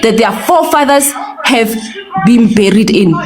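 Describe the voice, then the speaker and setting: A South African woman delivering an impassioned, lecturing speech as a caller, often rising to a shout. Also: a little high, animated, moderate pace, music in the background. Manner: emphatic, lecturing, rises to shouting. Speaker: caller in a live audio discussion.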